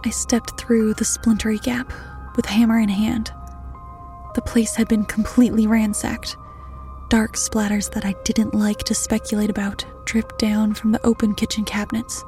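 Woman narrating horror in a measured tone. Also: a little high, faint music behind. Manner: measured, steady delivery dropping to hushed half-whispers.

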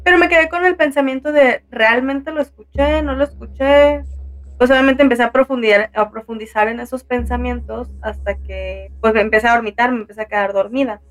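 A woman's voice: a little high, steady tone, fast, hardly any pauses, a bit bright. A woman telling a personal story in casual chat, rambling and full of fillers. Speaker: guest telling a paranormal story.

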